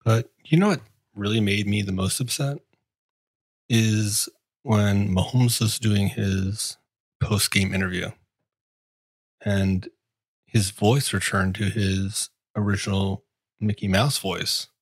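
A man's voice: lowish voice, steady tone, slow, pauses often, breathy edge, no room sound. A man co-hosting a casual sports podcast, talking in a sarcastic, wry and complaining way. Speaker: podcast co-host.

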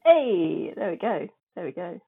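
A woman co-hosting a casual podcast chat, chatty and quick to laugh. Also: fairly low pitch, very animated, gravelly, slightly rough. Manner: chatty, laughs easily, many fillers. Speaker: podcast co-host. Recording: tinny phone-like line.

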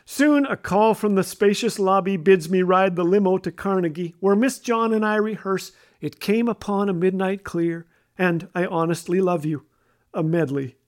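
A man's voice: high voice, normal speed. A man from Canada telling funny, self-mocking stories as a radio host. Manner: wry, self-mocking delivery. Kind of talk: humorous storytelling.

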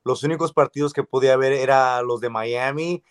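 A man's voice: medium pitch, moderate pace, clean tone, no room sound. Laid-back Mexican man, dry close sound. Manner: relaxed, laughs between phrases. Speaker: guest. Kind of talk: casual conversation.

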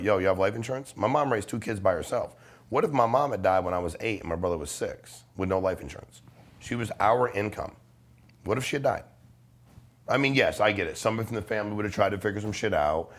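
A lowish, fast voice with lively intonation comes from a middle-aged life insurance salesman being interviewed on a podcast. Casual and persuasive, he gets blunt and emphatic, with slang and swearing throughout.

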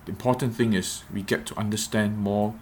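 A man giving a reflective devotional podcast talk as a preacher, measured and repeating phrases for emphasis. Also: lowish voice, fairly even intonation, darkish tone, slight background noise.

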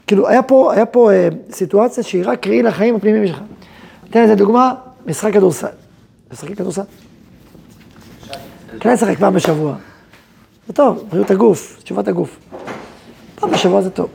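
A male rabbi lectures in a gravelly, dark voice, asking questions and answering them himself. The talk is lively and conversational, the way a yeshiva head teaches his students. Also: high voice.

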